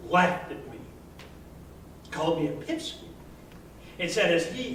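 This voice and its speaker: Live guitar, harmonica, and percussion play behind an American man as he performs a dramatic first-person reading of a hardboiled short story, colloquial and streetwise, at an indoor arts venue. His voice is a little high and fairly bright, caught by a distant mic in an echoey room with slight background noise.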